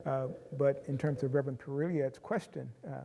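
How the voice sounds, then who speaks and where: A man talks in a slow, explanatory manner, pausing often with "uh." His voice is mellow and dark. The room adds a long, faint reverb under light background noise. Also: medium pitch, steady tone, creaky. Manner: measured, explanatory, frequent "uh" pauses. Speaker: discussion panelist. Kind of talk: reflective group discussion.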